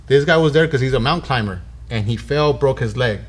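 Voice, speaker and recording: A man's voice: medium pitch, fast talker. A man in his thirties hosting a podcast, telling a story in casual slang and acting out the dialogue. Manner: animated, slangy, acts out quoted dialogue.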